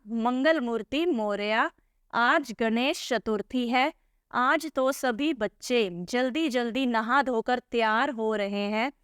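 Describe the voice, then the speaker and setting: Casting note: woman teacher, fairly high and smooth, patient, quizzes and answers herself, close dry mic. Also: dry recording. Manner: patient, asks and answers her own questions. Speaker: Hindi teacher. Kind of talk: explaining a textbook lesson.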